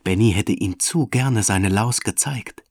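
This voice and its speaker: Ruhiger Mann liest ein Kinderbuch vor. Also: male voice, fairly low pitch, a little slow, a little mellow, slightly rough, no room sound, studio quality. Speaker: narrator. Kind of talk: children's story reading.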